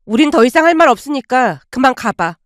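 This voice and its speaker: A woman voicing a bitter, angry middle-aged mother who answers in sharp, curt retorts. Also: high-pitched, sing-song, a little fast, dry recording, clean studio sound.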